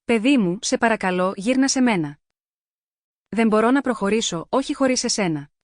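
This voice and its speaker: A woman's voice: on the high side, expressive, no echo, studio quality, natural voice. A woman voicing a grieving mother who pleads with her dead child in a mournful lament.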